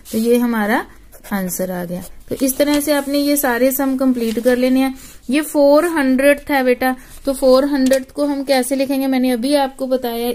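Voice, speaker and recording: High-voiced patient woman maths teacher. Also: darkish tone. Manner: patient, addresses students as "beta". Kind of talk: classroom lesson.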